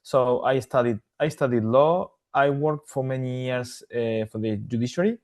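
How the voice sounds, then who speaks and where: A man from Argentina, a podcast guest, answering interview questions in a halting way with many repeated words and restarts. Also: medium pitch, darkish tone. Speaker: podcast guest, AI governance consultant.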